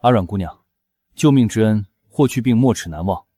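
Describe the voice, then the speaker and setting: A cocky young general, husky and lively. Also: male voice, fairly low pitch, moderate pace. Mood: steady. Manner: offhand and confident. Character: bold young male general, cocky and brave.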